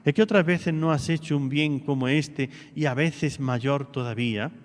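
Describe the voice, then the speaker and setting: A man preaching a homily in a slightly high voice, earnest and full of rhetorical questions. His words ring out with a long reverb, as in a church. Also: moderate pace. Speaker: priest.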